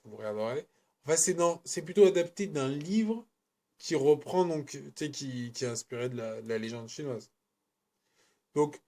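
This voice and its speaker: A man's voice: medium pitch, a little mellow. Rambling casual male film reviewer. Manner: rambling, self-correcting, colloquial.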